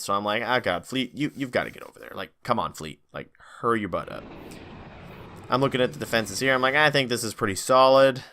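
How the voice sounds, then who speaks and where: A man's voice: fairly low pitch, pushed and bright, slight background noise. A tired man giving casual, rambling commentary over a strategy game, acting out his own reactions. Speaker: gaming YouTuber.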